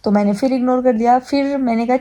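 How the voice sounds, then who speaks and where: A woman's voice: fairly high pitch, fairly even intonation, quick pace, mellow. A young woman vlogger casually telling a story to her viewers, chatty, with English words dropped into her talk. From Uttarakhand, India. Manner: chatty, mixes in English words, repeats "theek hai".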